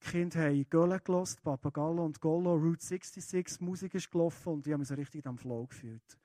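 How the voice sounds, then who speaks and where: A man's voice: fairly high pitch, brisk, dark tone, no echo. A man preaching a sermon in a church with a Swiss German accent, speaking earnestly and directly to his listeners in a conversational way.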